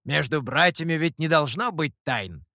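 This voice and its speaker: A man reading as a gloating monkey demon who teases and needles in a mocking tone. The voice rises and falls in a lively way, and the recording is dry and close. It comes across as sly and cheeky. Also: on the high side, normal speed, dry recording. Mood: teasing. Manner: mocking, teasing. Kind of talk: audiobook character voice.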